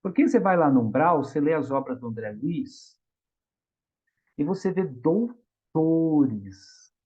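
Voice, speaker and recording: A middle-aged Brazilian man lectures with a lively, sweeping pitch and acts out the voices in his stories. The recording sounds dull and lo-fi. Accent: Brazilian Portuguese. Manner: animated storytelling, acts out quoted voices. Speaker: spiritist lecturer. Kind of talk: public lecture on the gospel.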